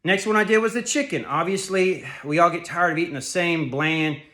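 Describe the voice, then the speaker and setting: A man's voice: on the high side, fairly quick. A breathless dad in his kitchen. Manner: relaxed, repetitive, rambling with fillers and self-corrections. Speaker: fitness vlogger. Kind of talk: casual home cooking vlog. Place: home kitchen.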